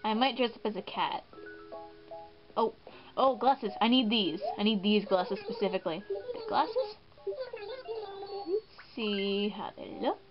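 A woman's voice: mid-range voice, fairly even intonation, moderate pace. Chatty woman over game music. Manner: chatty, rambling, self-mocking. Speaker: gaming video host. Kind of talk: casual gameplay commentary. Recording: muffled, with game music behind.

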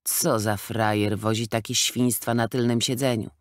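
A man's voice: on the low side, level tone, normal speed, no room sound, clean studio sound, natural voice. A man voicing a skinny, careless, wisecracking male policeman in a storybook reading, mocking and laughing. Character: skinny jokey small-town male policeman.

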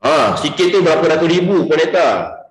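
A man's voice: fairly high pitch, lively intonation, a little fast, roomy sound, poor audio. A Malaysian man running an interactive business coaching class, mixing English into Malay and quizzing his students by name.

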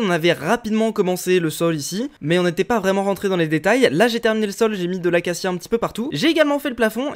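A chatty young man giving casual, upbeat commentary while playing a modded block-building game, laughing often. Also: sits high. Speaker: Minecraft let's-play host.

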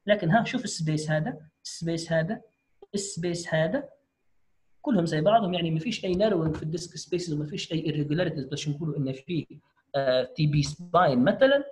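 Doctor teaching online, high voice bouncing all over, keeps saying good and english med terms. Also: male voice, expressive, quick pace. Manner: encouraging, mixes English medical terms into dialect. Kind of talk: online medical lecture.

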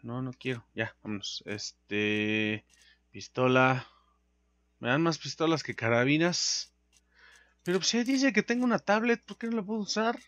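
Excitable, swearing Mexican gamer. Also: male voice, medium pitch, unhurried, no echo. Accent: Mexican Spanish. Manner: excitable, swears a lot, yells during fights. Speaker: gaming video host. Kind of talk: live gameplay commentary. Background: game music.

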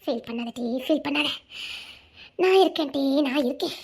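A woman voicing a young cartoon best friend who consoles in a mock-soothing, teasing drawl, lower and softer than the heroine. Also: normal speed. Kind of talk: cartoon voice acting.

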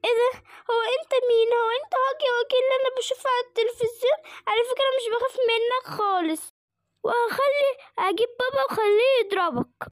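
A woman's voice: extremely high pitch, racing, dry recording, studio quality. A woman with an Egyptian accent voicing a scared but defiant little dog boy in a children's cartoon. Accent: Egyptian Arabic. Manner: whiny, defiant.

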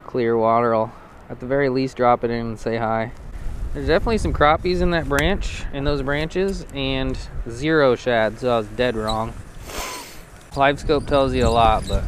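A man's voice: mid-range voice, noisy background. A man hosting a fishing vlog outdoors on a frozen lake, talking in a laid-back, chatty, jokey way into a body-mounted camera. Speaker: fishing channel host. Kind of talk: casual outdoor vlog narration. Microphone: body-mounted action camera.

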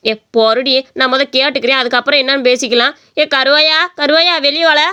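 Bossy cartoon granny, older, lowered voice, done by a woman, quick scolding. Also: fairly even intonation, pushed and bright. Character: scolding old village grandmother.

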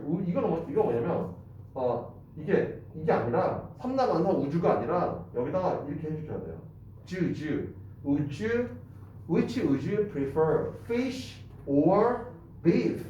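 Teacher, male, lively high-ish voice, mellow tone, repeats phrases for drills; distant mic, echoey room, dull noisy recording. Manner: repetitive, drills phrases aloud. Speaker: English teacher. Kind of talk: casual spoken lesson.

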